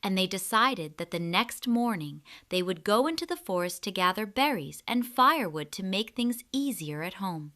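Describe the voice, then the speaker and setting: This is a woman telling a scripted fairy tale to children in a deliberate, expressive style, her voice sitting in the mid-range.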